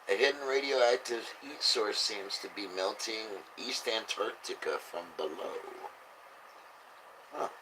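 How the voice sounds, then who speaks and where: A man's voice: on the low side, noisy background. A man who sounds drunk, rambling through casual, blunt, sweary commentary as he reads out headlines. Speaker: host reading and reacting to news.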